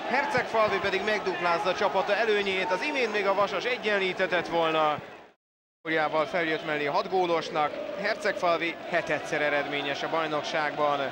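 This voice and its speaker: A male football commentator with a high voice calls the play and talks through replays in an animated, exclaiming way. A noisy stadium crowd is clearly audible behind him. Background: match crowd.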